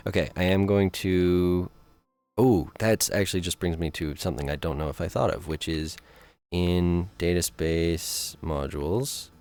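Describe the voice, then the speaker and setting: A man's voice: deep voice, measured pace, darkish tone, no echo. A man streaming live, chatting casually with viewers and thinking aloud as he builds.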